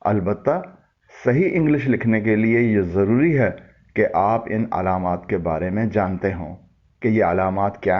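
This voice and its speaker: A calm male teacher explaining a lesson at a very unhurried pace, his voice a little low. He reads example sentences carefully and deliberately, and the recording sounds dull and lo-fi.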